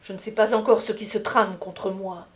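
A woman's voice: mid-range voice, fairly even intonation, moderate pace, close to an everyday voice. A woman voicing an anxious, ambitious young man in an audiobook reading, agitated and pleading. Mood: distressed.

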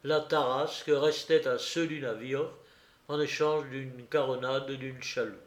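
A man reading a classic novel aloud, slow and deliberate, with an occasional hesitation. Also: medium pitch, fairly even intonation. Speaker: reader. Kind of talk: audiobook narration of a classic novel. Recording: roomy echo.

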